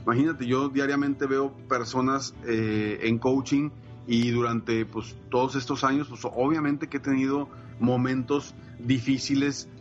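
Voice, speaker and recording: A man's voice: mid-range voice, little pitch movement, measured pace, dull audio, faint music behind. A man, a coach and podcaster, talking emphatically and enthusiastically in a casual podcast chat. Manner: enthusiastic, emphatic, frequent fillers like "eh" and "pues".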